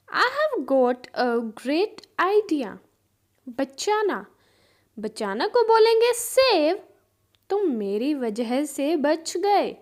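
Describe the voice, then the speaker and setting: A woman teaches English vocabulary. Her voice is high and swings widely in pitch. She reads every example at a very slow, deliberate pace and repeats it word by word. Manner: repeats each English sentence very slowly, word by word. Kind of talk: vocabulary lesson.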